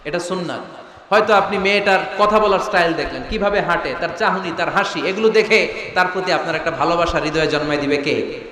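A man's voice: sits high, quick pace, bright, forceful tone, slight background noise. A man preaching a sermon, often asking the crowd questions and pushing them to answer. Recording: echoey hall with long reverb.

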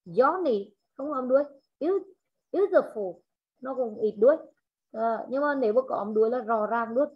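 A woman English teacher in an online class, slowly modelling words, repeating them and correcting her students' pronunciation. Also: fairly high pitch, dull audio. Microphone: video call.

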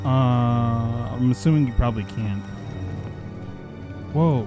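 Woman, very deep voice, casual gaming chat, music in background. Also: slow. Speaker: video game player. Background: game music.

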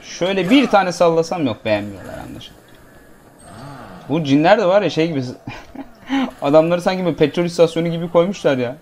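A man chatting his way through a video game with a fairly high, lively voice that rises and falls a lot. He jokes and talks back to the characters on screen. A faint hiss of noise sits under the recording. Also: fairly quick, pauses often. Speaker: gameplay commentator. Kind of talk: casual let's-play commentary.

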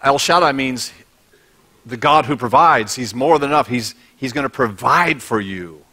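Middle-aged pastor preaching with wry humor. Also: male voice, medium pitch, lively intonation, normal speed, bright, forceful tone. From United States. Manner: humorous, conversational preaching, props in hand. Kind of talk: sermon. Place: large church stage.

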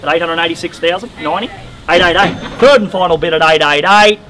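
A young Australian auctioneer with a high-sitting, fast, pushed and bright voice calls bids at a live auction on an open-air wooden deck. His patter toward bidders is formal and courteous, music plays behind him, and the recording quality is low.

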